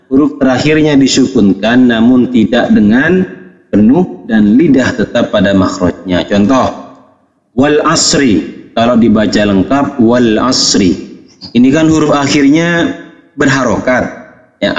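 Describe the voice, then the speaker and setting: A man's voice: medium pitch, moderate pace, a little mellow. A man teaching Quran recitation in a casual spoken lesson, explaining patiently, repeating examples and checking that the listener understands. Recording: dull lo-fi sound.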